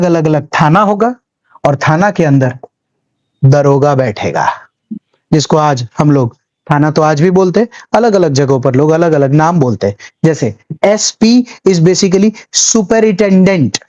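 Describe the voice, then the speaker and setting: A man's voice: high voice, warm tone, highs cut off. A man teaching history in a chatty lecture, telling little stories and mixing English terms into his talk. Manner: chatty storytelling, acts out little scenes; mixes English terms into speech. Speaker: civil services exam history teacher. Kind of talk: classroom lecture.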